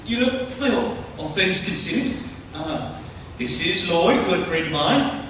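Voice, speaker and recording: A man's voice: high voice, expressive, slow pace, fairly bright tone, exaggerated voice. A man playing a blustering, shifty father in a farcical stage comedy. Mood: flustered. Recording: echoey hall, distant mic, clear noise.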